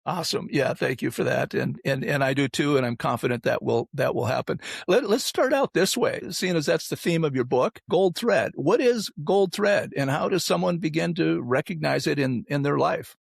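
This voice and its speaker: A man hosting an interview podcast, presenting and asking questions in a measured, prepared style. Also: on the high side, creaky, slightly rough, dry recording, studio quality. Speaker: podcast host. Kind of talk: scripted introduction and interview hosting.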